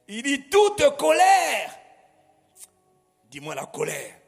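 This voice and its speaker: In a large hall, a pastor with a very high-pitched voice and vocal fry preaches a sermon with emphasis, prompting the congregation to echo words back to him.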